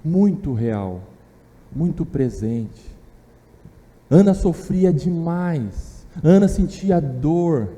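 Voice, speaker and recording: Slow, emphatic Brazilian preacher in a reverberant hall. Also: male voice, fairly high pitch, expressive, warm tone. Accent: Brazilian Portuguese. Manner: emphatic, repeats key phrases, asks rhetorical questions. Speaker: presbyter teaching Sunday Bible class. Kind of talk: Bible class teaching. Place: church hall.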